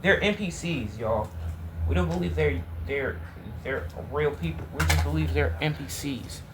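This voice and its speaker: A man's voice: on the high side, normal speed, noisy background. A man hosting a reaction video, talking casually to viewers in an exasperated, repetitive way.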